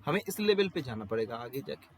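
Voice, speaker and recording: A man's voice: mid-range voice, very animated, fairly quick, a little hiss or hum, rough recording. A man with a Bengali accent teaching an astrology class, explaining with rhetorical questions and everyday examples and dropping English phrases into his Hindi. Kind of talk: classroom lecture.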